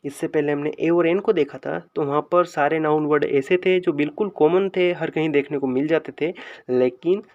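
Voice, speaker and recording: A man teaching English grammar in speech, explaining slowly and drawing out example sentences word by word. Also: on the high side, highs cut off. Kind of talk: explaining a lesson.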